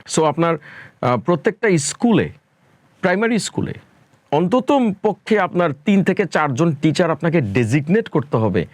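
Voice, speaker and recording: A man's voice: a little high, dry recording. A man from Bangladesh answering interview questions as a spoken English educator, talking emphatically and dropping English phrases into his speech.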